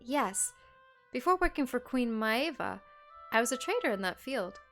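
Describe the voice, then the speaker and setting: A woman's voice: on the high side, big pitch swings, moderate pace, a bit bright. A woman voicing a courteous foreign woman, a former trader, reading her lines politely over faint game music.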